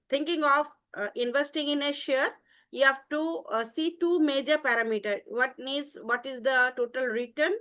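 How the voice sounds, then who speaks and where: A woman teaching an online class, explaining patiently with many hesitant pauses over a call headset. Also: sits high, bright, forceful tone. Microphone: earphone mic on a video call.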